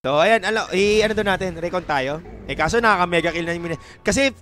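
A young Filipino man casting a game casually, joking and laughing, then shouting at big plays. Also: high-pitched, fast talker. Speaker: esports caster. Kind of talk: casual play-by-play commentary.

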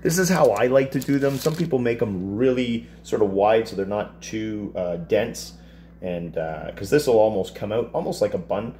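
A man in his fifties teaching a casual cooking demonstration in a home kitchen, explaining each step in a relaxed, chatty way. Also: on the low side, normal speed, slight background noise. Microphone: camera across the counter.

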